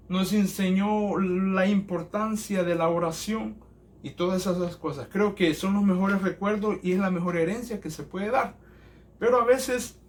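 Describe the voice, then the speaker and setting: A male pastor giving a sermon in a church, speaking earnestly and in a measured way with hesitant fillers. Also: sits high, slight background noise.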